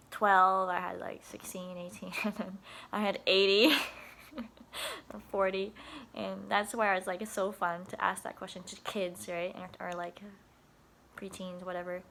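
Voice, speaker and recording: A woman's voice: mid-range voice, steady tone, normal speed, gravelly, a bit bright, slight background noise. A young woman telling a casual video diary about her day at after-school care, chatty and giggly, with many restarts and laughs.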